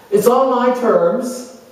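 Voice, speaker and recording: Voicing a middle-aged sculptor who is creative, sensual, reflective and spiritually searching, this New Zealand man uses a very high, exaggerated voice. His first-person monologue before a room is halting, musing and expressive, full of pauses. A distant microphone picks him up in a heavily echoing room.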